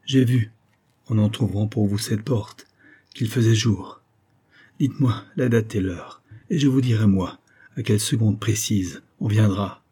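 A haggard, terrified recluse, read by a man, speaking with feverish dread in an audiobook story. The voice is low and husky, dark and mellow in tone. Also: a little slow. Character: haggard, terrified male recluse convinced he is haunted. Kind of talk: audiobook reading.

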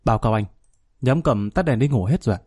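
A man's voice: medium pitch, lively intonation, fast talker, darkish tone, breathy edge, no echo, studio quality, faint music behind. A man voicing a young police scout who reports in a casual way.

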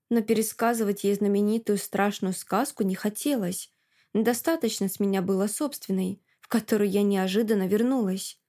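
A woman narrating a novel in first person, with a measured, sardonic delivery. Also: mid-range voice, mellow. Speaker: audiobook narrator.

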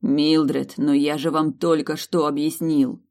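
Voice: medium pitch, flat delivery, measured pace, darkish tone, close to an everyday voice. Stern vampire man, commanding and short-tempered, read by the audiobook narrator. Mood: strained command. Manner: commanding, curses under pressure.

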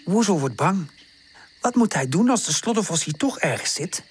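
A woman narrating a children's audiobook in an expressive storytelling manner. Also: fairly low pitch, moderate pace, breathy edge.

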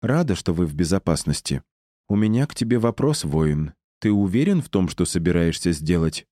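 A man reading an audiobook voices a calm, solemn and kind female river spirit. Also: sits low, moderate pace, no echo, studio quality.

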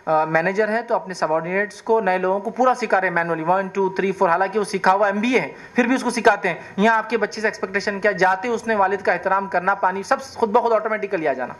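A man preaching a sermon, lively and often checking with the audience whether they follow. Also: high-pitched, hardly any pauses. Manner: animated, questions the audience.

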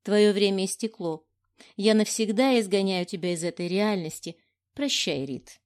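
A woman's voice: medium pitch, normal speed, a little mellow, close to an everyday voice. A woman voicing a defiant young heroine in an audiobook, speaking firmly and with resolve. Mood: triumphant. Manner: defiant, firm. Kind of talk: audiobook reading.

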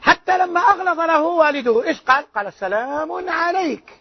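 Man, sheikh, religious lesson, loud, rhetorical questions, very high pitch, fast, dull lo-fi sound. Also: lively intonation, dry recording. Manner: loud-voiced, quizzes the audience with rhetorical questions. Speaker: sheikh teaching a hadith class. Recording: dull lo-fi lecture recording.

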